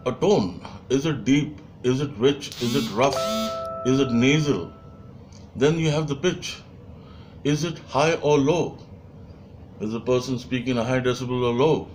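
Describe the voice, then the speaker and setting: A man giving a training lecture, measured, with frequent fillers and rhetorical questions. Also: mid-range voice, a little mellow, a little hiss or hum. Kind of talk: lecture to camera.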